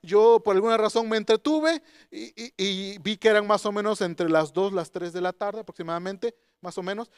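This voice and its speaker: A man's voice: high voice, moderate pace, hardly any pauses, clear, resonant tone, no room sound, studio quality. A man preaching a sermon, telling a personal story and asking the listeners questions.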